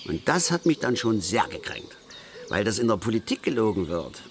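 An actor playing a bitter, stubborn middle-aged angler in a radio play, ranting in a gruff, pedantic way. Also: male voice, lowish voice, very animated, normal speed, noisy background. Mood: hurt.

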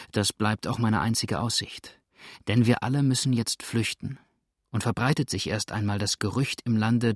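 A man voicing a wary outlaw in an audiobook, speaking in a hushed, urgent way. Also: on the low side, no room sound, clean studio sound. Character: grim, wary adult male outlaw. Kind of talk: audiobook reading.

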